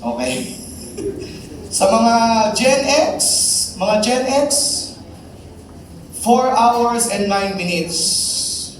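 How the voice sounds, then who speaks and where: A man preaching a Sunday sermon, asking the congregation questions and acting out prayers in a high excited voice. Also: extremely slow, pauses often, a little hiss or hum. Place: church sanctuary. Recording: echoey church from far off.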